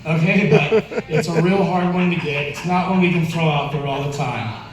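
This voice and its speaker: Male open-mic comic, higher-pitched, hesitant and stammering, casual and foul-mouthed, heavily reverberant room. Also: moderate pace, a crowd in the background. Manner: hesitant, with stammered repeats and filler-laden stalling; casual, profane, slangy. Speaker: amateur stand-up comedian. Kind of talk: stand-up comedy at an open mic. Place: indoor open mic venue. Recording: very echoey room, distant mic.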